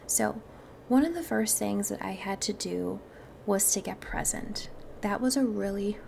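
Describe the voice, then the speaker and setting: A woman's voice: mid-range voice, a little slow, vocal fry, darkish tone, slight background noise. A woman with a Wisconsin accent hosting a self-help podcast, talking in a chatty, earnest and playful way straight to her audience. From Wisconsin, United States. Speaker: podcast host.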